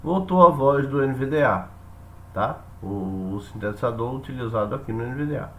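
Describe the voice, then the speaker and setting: A man with a Brazilian accent explaining software step by step, haltingly, repeating phrases and checking in with listeners. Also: mid-range voice, lively intonation. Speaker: instructor demonstrating software. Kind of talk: spoken tutorial, explaining step by step.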